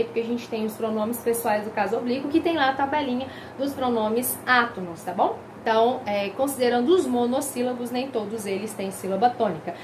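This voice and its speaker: High-voiced, lively woman teacher. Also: a little hiss or hum, low-quality recording. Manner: lively and emphatic, drawing out example words, asks the viewer questions. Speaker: Portuguese language teacher. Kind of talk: video grammar lesson.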